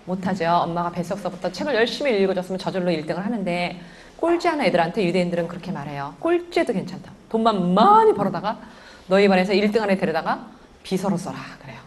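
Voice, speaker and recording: A woman giving a lively parenting lecture, keeps firing questions at her audience. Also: fairly low pitch, fast talker. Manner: animated, keeps quizzing the audience.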